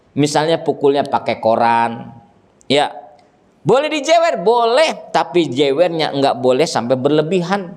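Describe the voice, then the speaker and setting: A man preaching a religious lesson to a gathering, animated and joking with the audience, acting out scolding parents. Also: sits high. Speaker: ustadz teaching a religious study group. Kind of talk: sermon. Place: gathering with children and fathers present.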